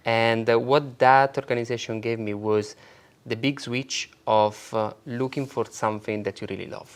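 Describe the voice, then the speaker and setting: Guest: man in his 30s, Italian accent, mid-range voice, animated and upbeat storyteller. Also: medium pitch, moderate pace. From Italy. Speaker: guest, marketing agency founder. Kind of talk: casual interview.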